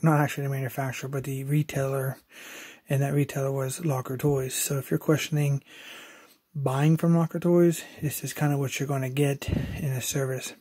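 A man's voice: medium pitch, a little mellow, slightly rough. A man casually narrating an unboxing of a collectible figure, explaining each step with fillers as he goes. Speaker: toy collector reviewer.

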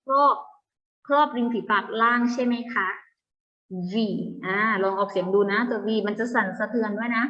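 A Thai woman teaching an online English lesson to young pupils, patiently asking check questions and slowly repeating English words with a Thai accent. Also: fairly high pitch, fairly even intonation, sharp tone, highs cut off. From Thailand. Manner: patient, asks students frequent check questions. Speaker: primary school English teacher.

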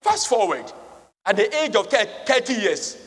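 A man with a Ghanaian accent, a pastor preaching a sermon in a church, moving between shouted passages and hushed, tender ones. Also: high voice, sing-song, unhurried. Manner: swings from shouted preaching to hushed emotional tones. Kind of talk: sermon mixing English and Twi. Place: church sanctuary. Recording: live-streamed church service with long hall reverb.

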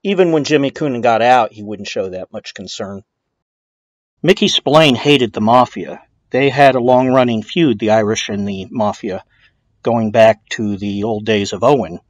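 A man's voice: fairly low pitch, moderate pace, dry recording, highs cut off. A man narrating a true-crime documentary in a conversational, opinionated way, with blunt emphasis.

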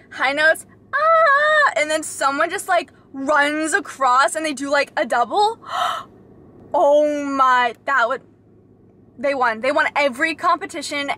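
Bubbly high-voiced young woman in a car. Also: measured pace. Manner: bubbly, excitable, with sudden squeals and laughs. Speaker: vlogger reacting to a show. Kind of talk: casual reaction chat. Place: inside a parked car. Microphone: camera mounted facing her.

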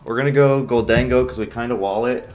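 A man doing casual, halting game commentary in a low-key, rambling way, his speech slightly impeded by a sore, swollen mouth. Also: fairly even intonation, a little mellow. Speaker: gamer commentating an online battle. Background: game music.

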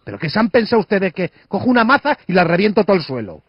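A man's voice: high voice, very animated, racing, breathy edge, no echo, voice pushed up, heavily acted. Man playing rude Spanish insurance adjuster on landline phone. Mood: indignant, insulting. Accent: Spanish (Spain). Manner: interrupting, accusatory, pompous. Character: rude, condescending male insurance claims adjuster. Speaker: radio prankster. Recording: over a landline phone, muffled sound.

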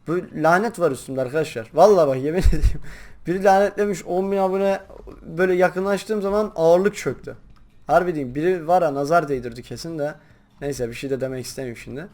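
A young man chatting casually while playing a game, rambling to his viewers and breaking into loud excited shouts. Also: a little high, fairly quick. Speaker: gaming YouTuber. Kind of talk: casual gameplay commentary.

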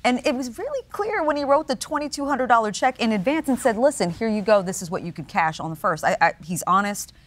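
A woman's voice: a little high, animated, quick pace, few pauses. A woman serving as a judge on a television court show, giving a frank and emphatic opinion during deliberation. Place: TV courtroom studio.

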